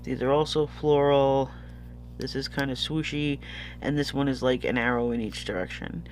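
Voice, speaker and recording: A man's voice: mid-range voice, steady tone, normal speed, slight background noise. A sniffly man chatting casually as a vlogger unboxing purchases, rambling and easily losing his thread. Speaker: vlogger showing stationery purchases.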